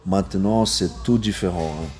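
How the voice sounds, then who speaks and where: Man, low pitch, very soft dark timbre, foreign accent in French, halting, repetitive, coach in a casual interview. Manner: halting, non-native French mixed with English words, repeats himself. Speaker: MMA coach and seminar instructor.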